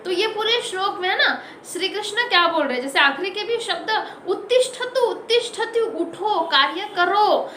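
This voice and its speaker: A woman hosting her own motivational talk, her voice very high and bright. She exhorts her listeners in short, emphatic bursts and repeats key lines for weight. The recording carries a roomy echo. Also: expressive, moderate pace, hardly any pauses, a little hiss or hum. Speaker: motivational speaker with own channel.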